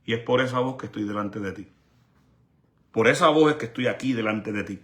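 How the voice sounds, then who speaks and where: A man's voice: lowish voice, fairly quick, fairly bright tone. A male evangelist delivering a sermon with an emphatic, repetitive preaching cadence.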